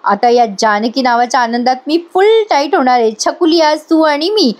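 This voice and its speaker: A woman voicing a scheming young woman who gets loudly drunk while gloating. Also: high voice, moderate pace, natural voice. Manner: loud, boastful, slurred celebrating.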